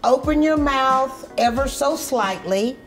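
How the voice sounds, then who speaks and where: A middle-aged woman talks a first-timer through a whiskey tasting, step by step and measured. Her voice sits a little high, and she is clipped to a lapel mic in a restaurant bar. Faint music runs underneath. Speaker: whiskey brand representative. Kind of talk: guided tasting talk. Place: upscale restaurant bar indoors.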